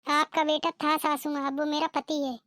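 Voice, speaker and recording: A woman's voice: high-pitched, flat delivery, normal speed, a bit bright, no room sound, clean studio sound. A woman voicing a rude, defiant young daughter-in-law in a cartoon, talking back with arrogance. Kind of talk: cartoon voice acting.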